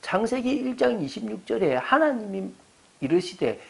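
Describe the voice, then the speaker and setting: A man's voice: high-pitched, big pitch swings, moderate pace, vocal fry, husky. A man in his forties, a pastor preaching a sermon at a church service. He explains his points conversationally and keeps putting rhetorical questions to the congregation.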